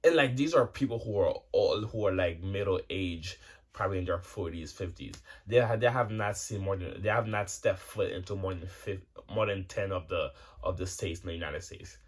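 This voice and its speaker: With a husky, low-pitched voice at normal speed, a man in his twenties delivers a loose, rambling vlog monologue to his viewers. He curses freely and keeps restarting, dropping in lots of fillers.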